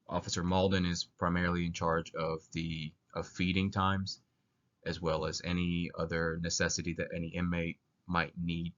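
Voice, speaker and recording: A young man giving a narrated student presentation, halting and hesitant, while sick with the flu. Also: sits low, fairly bright tone. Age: young adult. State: sick with flu, coughing now and then. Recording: dull lo-fi voice recording.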